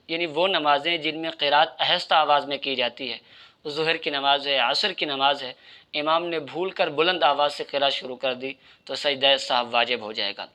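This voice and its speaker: A man's voice: fairly high pitch, pushed and bright. A man giving religious instruction in a methodical, explanatory way, addressing his listeners directly. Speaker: Islamic religious teacher.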